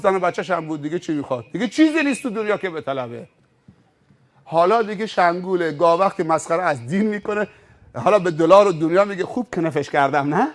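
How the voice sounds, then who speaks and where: A male preacher giving a sermon, telling stories with rhetorical questions. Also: high-pitched. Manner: animated storytelling with rhetorical questions.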